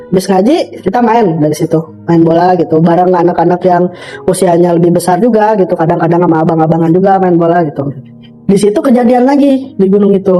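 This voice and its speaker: A man's voice: sits high, dark tone, rough recording. A young man telling a personal story in casual, rambling speech full of fillers, often calling the listener brother. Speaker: storyteller guest.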